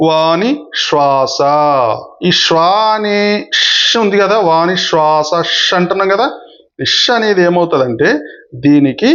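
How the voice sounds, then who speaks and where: A man's voice: sits high, fairly bright tone, highs cut off. A man teaching a grammar lesson for exam candidates, who explains patiently, repeats the key points and addresses his viewers politely.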